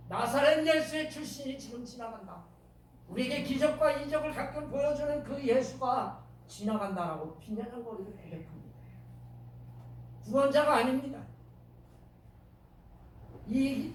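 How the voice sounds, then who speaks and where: A male pastor with a Chungcheong accent preaching a sermon in a church, acting out shouted lines and questioning the congregation. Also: extremely high pitch, a little hiss or hum. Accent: Chungcheong Korean. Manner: dramatic, acts out shouted quotes, asks the congregation questions. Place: church sanctuary. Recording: very echoey church from a distant mic.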